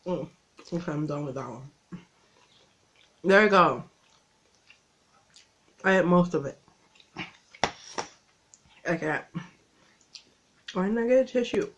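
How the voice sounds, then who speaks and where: A woman's voice: fairly low pitch, animated, fairly bright tone, muffled recording. A woman vlogging casually while eating spicy wings, her lips and tongue burning as she talks into her phone. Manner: slow, breathy talk between bites, laughing at herself. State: mouth burning from spicy food. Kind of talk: casual vlog chat. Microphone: phone camera.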